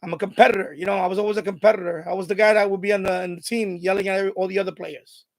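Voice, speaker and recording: On a low-quality recording, a man in his fifties talks very fast on his radio hobby live stream, heavy Bronx accent and all. He grew up in the Bronx after being born in Puerto Rico, and his casual chat is animated, intense and worked up.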